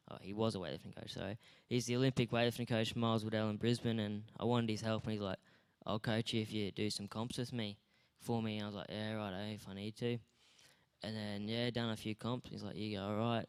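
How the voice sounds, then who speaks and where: A man's voice: lowish voice, clean tone. A young Australian man being interviewed on stage at a school awards night, talking in a modest, laid-back, rambling way. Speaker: guest athlete.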